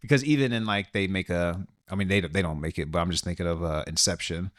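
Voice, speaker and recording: A man co-hosting a casual movie review podcast, laid-back and quick to laugh. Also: low-pitched. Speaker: podcast co-host.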